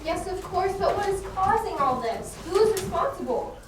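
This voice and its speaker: Police inspector female actor: high, dry, proper comedy acting, heavily echoing distant recording. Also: lively intonation, moderate pace. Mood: concerned. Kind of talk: theatrical comedy drama acting. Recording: very echoey room, distant mic, faint noise.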